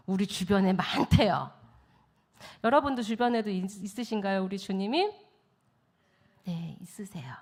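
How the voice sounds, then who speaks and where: A woman missionary giving a testimony sermon in a church, telling her story with animated storytelling and acting out the voices she quotes. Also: a little high. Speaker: missionary speaker.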